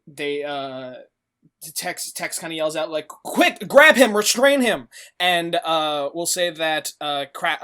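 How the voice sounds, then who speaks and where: Rambling higher-pitched man narrating as game master. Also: fairly bright tone. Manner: rambling, filler-heavy, laughs often.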